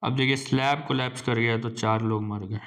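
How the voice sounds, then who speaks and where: A man's voice: medium pitch, fairly even intonation, fairly bright tone. Man casually explaining news for exam prep. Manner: reads English headlines slowly, then explains casually in Hindi. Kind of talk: casual lecture reading news headlines.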